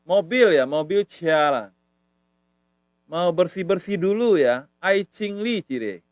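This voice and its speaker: Higher-voiced man teaching casually. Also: animated, takes it slowly, no room sound. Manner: repetitive, patient, says "ya" often. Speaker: language teacher. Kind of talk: casual live-stream lesson.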